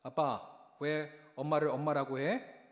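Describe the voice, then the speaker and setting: A man's voice: on the high side, level tone, a little slow, lightly acted. A pastor putting on an eager little boy. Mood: whiny. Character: curious little boy questioning his dad. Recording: echoey church hall reverb.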